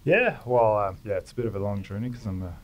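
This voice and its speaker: A Canadian sports videographer in his thirties guests on a podcast, chatting in a loose, rambling interview style with many fillers. His fairly low voice is expressive and fast, captured on a close studio mic on a boom in a small home room.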